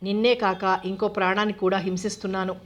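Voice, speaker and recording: A woman's voice: mid-range voice, level tone, quick pace, close to an everyday voice. A woman reading the lines of an earnest young village husband standing in an election, speaking in an affectionate, pleading way. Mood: tender.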